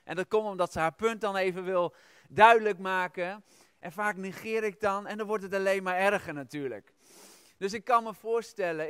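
Preacher: a man with a high voice who tells the scripture as a lively story, recorded dry and close. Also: dry recording. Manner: lively storytelling, retells the scripture in his own words; addresses listeners directly with questions. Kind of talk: sermon.

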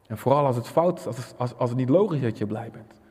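A man preaching with fervour, his voice sitting in a middling register. He moves between soft, near-whispered stretches and sudden shouted cries. Long reverb trails after his words in a large church hall. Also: medium pitch, expressive, fast, breathy edge. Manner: passionate, swings from hushed to shouting. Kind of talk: sermon.

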